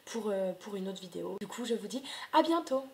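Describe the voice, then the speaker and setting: A woman's voice: mid-range voice, expressive, brisk, vocal fry, dark tone. A young woman vlogging casually at home, chatting with many hesitations and fillers into her camera. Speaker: book vlogger. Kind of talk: casual video chat.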